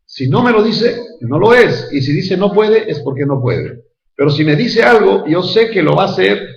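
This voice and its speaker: A man giving a sermon in a conversational, storytelling way, slowing down to stress key phrases. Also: fairly high pitch, vocal fry. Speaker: preacher. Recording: echoey, dull hall recording.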